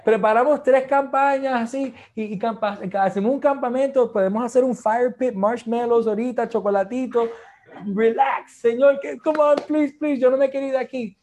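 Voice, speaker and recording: A man voicing an eager apostle who talks too much, begging excitedly to stay put. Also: very high voice, moderate pace, pitched above the performer's own voice. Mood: eager pleading. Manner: excited, begging, mixes in English.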